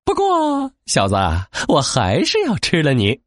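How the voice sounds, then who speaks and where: A man's voice: fairly high pitch, huge pitch swings, measured pace, no echo, studio quality, voice pushed up. A man voicing a giant, smelly garbage demon king in a children's storybook, speaking in bombastic, theatrical villain monologue. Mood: gloating, menacing. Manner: theatrical villain monologue with gloating laughs and wails. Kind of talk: children's audio storybook character.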